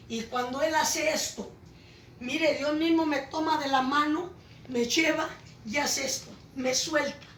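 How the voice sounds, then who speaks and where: A woman giving an impassioned Pentecostal testimony sermon, moving between shouted pleas and hushed tones. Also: high-pitched, slight background noise. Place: church home meeting. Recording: echoey room, voice from far off.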